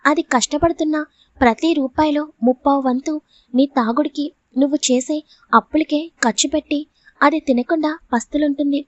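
A woman's voice: high-pitched, fairly even intonation, normal speed, dry recording, lightly acted. A woman reading the part of a grieving, protective elderly grandmother who scolds and pleads tearfully in a storybook reading. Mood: angry. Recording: dull lo-fi audio.

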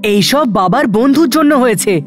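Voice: mid-range voice, expressive, moderate pace, soft background music, natural voice. A performer voicing Aladdin, a poor young man in a cartoon, earnest and wondering. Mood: eager.

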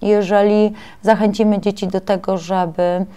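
Smooth-voiced woman giving a hesitant webinar talk. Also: mid-range voice, level tone, normal speed, dark tone. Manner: many filler sounds and restarts while explaining slides. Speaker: webinar presenter on art therapy for preschool teachers.

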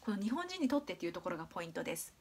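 A Japanese woman whose fairly low voice moves through big pitch swings teaches English pronunciation in a video lesson. She's patient and clear, demonstrating sounds slowly amid many drawn-out fillers.

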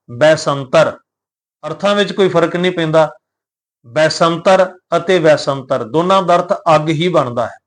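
A man with a high voice teaches scripture recitation, drawing out each verse line in a slow chant. Between the lines he speaks calmly and plainly, spelling out letters, pauses and meanings for his listeners. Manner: calm, explanatory, spells out pronunciation. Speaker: Gurbani teacher.

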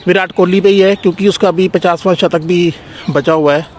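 High-voiced man confidently explaining. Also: steady tone, fairly quick, a little mellow, slight background noise. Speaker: cricket fan. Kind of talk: street interview. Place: outdoor cricket nets. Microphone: handheld reporter mic.

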